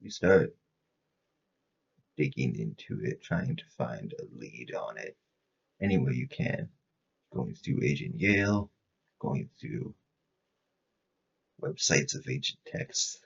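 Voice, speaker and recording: A man's voice: a bass voice, animated, slow, vocal fry, pauses often, slightly rough, lo-fi sound. A man improvising narration as the game master of a tabletop role-playing game.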